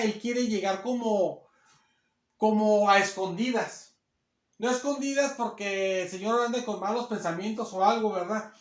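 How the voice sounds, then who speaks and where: A man's voice: high voice, roomy sound. A man preaching a sermon to a congregation of women, fervent and repetitive, often calling them sisters. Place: church hall.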